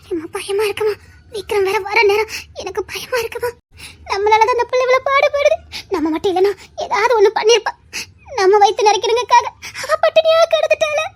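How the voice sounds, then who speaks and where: A woman voicing an anxious old woman who frets over a missing girl. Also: very high voice. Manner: fretful, worried.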